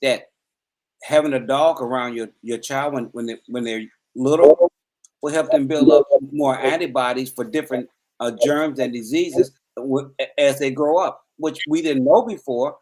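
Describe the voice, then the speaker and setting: On poor audio, a male co-host in a casual conversation lays out his point earnestly and at length, frequently repeating words. He speaks at a moderate pace with a medium-pitched, slightly mellow voice.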